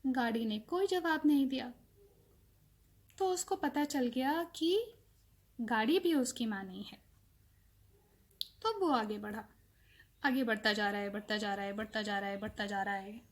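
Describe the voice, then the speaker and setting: A woman narrating a children's story slowly, repeating phrases and acting out sounds. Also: fairly high pitch. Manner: slow and repetitive, acts out sounds.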